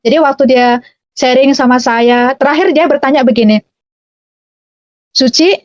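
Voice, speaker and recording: A woman gives her personal faith testimony in a chatty way, tacking a casual filler onto phrases and addressing listeners as dear brothers and sisters. Her voice is high, steady, fairly quick, and a little mellow. The dry recording has no room sound and is dull and muffled.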